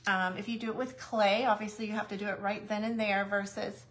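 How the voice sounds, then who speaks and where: A woman's voice: medium pitch, flat delivery, fairly quick, a bit bright, slight background noise. A woman hosting a casual craft livestream, chatty and a little nervous, greeting viewers by name.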